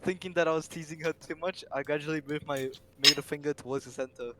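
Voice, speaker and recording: A man's voice: fairly high pitch, fairly even intonation, quick pace, very noisy. A young man narrating an amateur comedic reading aloud, often stumbling over words and breaking into laughter.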